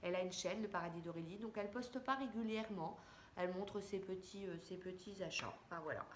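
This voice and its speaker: A woman's voice: mid-range voice, brisk. A woman in a casual, friendly beauty vlog, chatting straight to her viewers as she shows a makeup haul. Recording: echoey room with faint background hiss.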